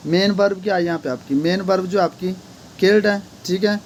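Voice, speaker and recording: A man's voice: high voice, normal speed, a little mellow, a little hiss or hum. A man teaching an English grammar lesson, repeatedly asking questions and answering them himself.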